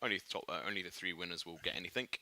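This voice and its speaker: A man's voice: low voice, rapid-fire, pushed and bright, no echo. A man hosting a casual esports podcast in a studio, chatty and upbeat, with plenty of "uh"s and restarts. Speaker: podcast host.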